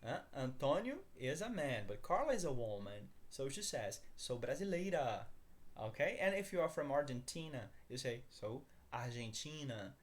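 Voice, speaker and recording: Brief: Brazilian man teaching Portuguese in English, animated pitch, upbeat, repeats examples slowly. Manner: upbeat, repeats phrases slowly, laughs at himself. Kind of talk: language lesson, mixing English explanation with Portuguese examples.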